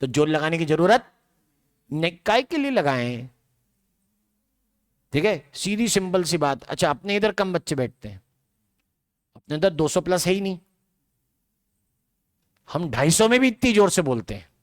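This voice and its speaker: A man's voice: a little high, big pitch swings, measured pace, long pauses. Chatty man teaching biology. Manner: conversational, asks students rhetorical questions. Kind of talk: classroom lecture. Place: large classroom.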